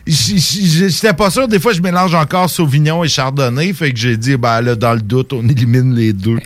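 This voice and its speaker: A man's voice: mid-range voice, moderate pace, no echo. A man with a Québécois French accent chatting casually as a podcast co-host, often stammering and repeating words. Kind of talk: casual chat.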